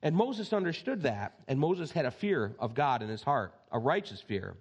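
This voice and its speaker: A middle-aged man preaching a sermon with personal stories, animated and impassioned, acting out the voices he quotes. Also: medium pitch, normal speed, husky. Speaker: pastor.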